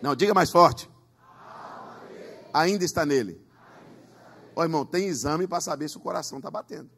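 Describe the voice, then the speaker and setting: A man's voice: on the high side, fast, creaky, fairly bright tone, slight background noise. A man preaching a Pentecostal sermon in a church, emphatic, with call-and-response. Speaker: pastor.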